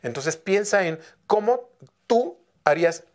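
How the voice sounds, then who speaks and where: A man's voice: high voice, animated, measured pace. A man working as a singing teacher, giving feedback in a vocal coaching session and repeating instructions insistently.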